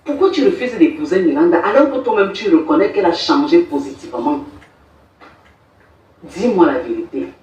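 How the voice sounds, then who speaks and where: A woman playing a calm, firm mother who lectures and soothes. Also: lowish voice, moderate pace, muffled recording, close to an everyday voice. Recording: echoey room, far off, faint music.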